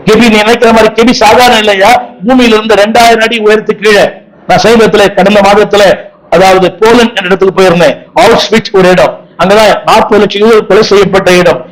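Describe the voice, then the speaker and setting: A male preacher with a notably high-pitched voice leads a congregation through a sermon. He speaks emphatically, repeating lines and calling on the crowd to echo his words aloud. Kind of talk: sermon with call-and-response.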